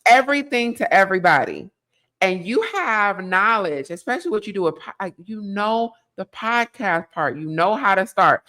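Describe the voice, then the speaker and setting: A woman's voice: medium pitch, lively intonation, normal speed, a bit bright. A woman speaking as a guest business coach in a casual interview, direct and pushy, with casual slang.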